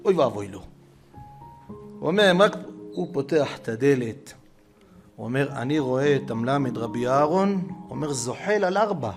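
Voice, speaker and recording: A man telling a dramatic story, acting out the quoted speech, dropping to whispers and then rising loud. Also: medium pitch, expressive. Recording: guitar music under the voice.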